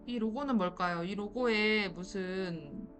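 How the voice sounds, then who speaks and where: A woman's voice: mid-range voice, a little slow, a bit bright, faint music behind. A woman giving casual, chatty gameplay commentary and muttering to herself as she plays. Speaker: gameplay streamer.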